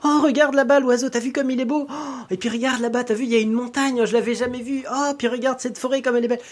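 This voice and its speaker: A man playing a wide-eyed young village girl. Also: a little fast. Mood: marveling. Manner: high, breathless exclamations.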